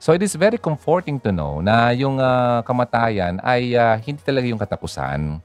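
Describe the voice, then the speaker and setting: A man's voice: medium pitch, sing-song, moderate pace, no room sound, soft background music. A man hosting a radio talk, chatting casually about grief and faith, full of fillers and little "ha?" tags. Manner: chatty, code-switching, many fillers and "ha?" tags. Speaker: radio host.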